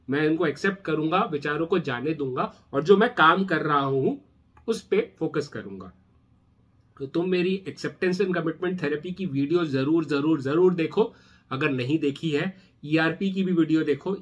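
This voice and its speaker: A man hosting his own channel, explaining OCD treatment in a casual, direct way that mixes in English terms. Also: fairly high pitch.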